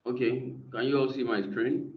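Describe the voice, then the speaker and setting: A man's voice: mid-range voice, flat delivery, normal speed. A man teaching an online class, talking hesitantly with many fillers, heard through a screen-recorded video call. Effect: screen-recorded video call audio. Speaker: instructor. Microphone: computer mic on a video call. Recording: dull, echoey video-call audio.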